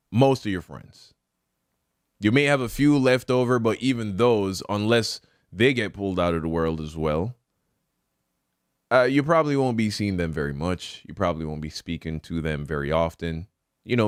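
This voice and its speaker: Man, low voice, smooth and clear, earnest preachy reaction commentary, dry close sound. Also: no echo. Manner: earnest, preachy, repeats points for emphasis.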